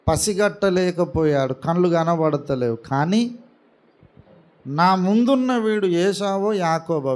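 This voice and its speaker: A man preaching a sermon in a calm, gentle way, speaking softly rather than shouting. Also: high voice. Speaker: pastor. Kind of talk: slow, soft-spoken Telugu sermon.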